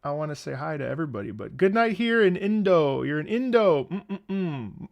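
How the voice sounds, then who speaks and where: A man streaming a game, chatting casually with his viewers in an excitable, rambling way, swearing and greeting people by name. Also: a little high, moderate pace, gravelly. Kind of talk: casual livestream chat.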